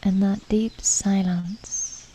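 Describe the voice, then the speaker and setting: Her pitch sits in the middle range as she leads a guided meditation. The delivery is unhurried, calm and reflective, with breathy, soft endings to each phrase and gaps between ideas.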